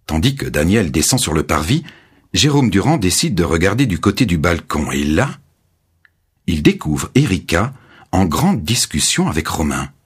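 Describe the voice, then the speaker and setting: A man narrating a graded reader story in steady, clear storytelling. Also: low-pitched, moderate pace.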